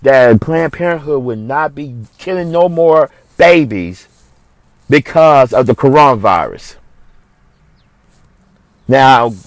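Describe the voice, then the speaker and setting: A man's voice: fairly high pitch, no echo. Preachy man with a dry, close sound. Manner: preachy, repetitive, emphatic, restarts phrases. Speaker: host of a religious commentary show. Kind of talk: impassioned religious commentary monologue.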